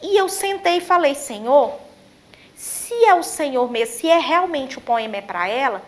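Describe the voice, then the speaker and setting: High-pitched Brazilian woman giving testimony. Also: animated, moderate pace. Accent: Brazilian Portuguese. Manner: emotional storytelling, acts out quoted prayers and dialogue. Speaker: missionary preacher. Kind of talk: testimony preaching.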